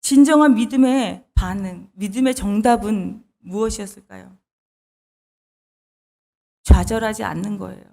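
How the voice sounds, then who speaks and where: A woman preaching a midweek church sermon, earnest and expressive, who acts out pleading prayers as she teaches. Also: mid-range voice, measured pace, creaky, long pauses.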